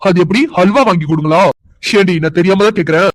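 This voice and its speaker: A man's voice: high voice, fast, no room sound, natural voice. A man voicing a contemptuous young husband in a cartoon drama, delivering scolding tirades. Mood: scornful anger.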